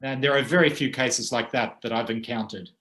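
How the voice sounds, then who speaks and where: A man co-hosting a casual chat, speaking thoughtfully with frequent hesitant pauses. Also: mid-range voice, a bit bright. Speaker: co-host. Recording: roomy echo.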